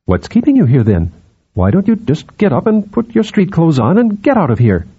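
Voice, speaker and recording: A man voicing a gentle male psychologist who coaxes with questions, in a dull lo-fi recording. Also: on the high side, huge pitch swings, normal speed, breathy edge, pitched above the performer's own voice, heavily acted. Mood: coaxing. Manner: coaxing, questioning.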